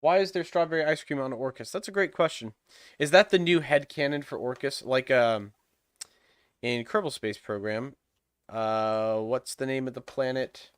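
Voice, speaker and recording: Using a desk microphone, a young livestream host talks casually during a game stream, thinking aloud with lots of fillers, his nose blocked and sniffly. His medium-pitched voice is clear and resonant at a moderate pace, in a dry, clean studio-sounding recording.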